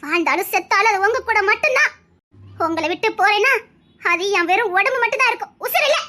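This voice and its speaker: A woman's voice: extremely high pitch, expressive, fast, sharp tone, exaggerated voice. A woman with a Tirunelveli Tamil accent, playing a devoted young wife who tenderly comforts her husband in a melodrama. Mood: passionate. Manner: soothing, reassuring, tender. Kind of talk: emotional melodrama acting.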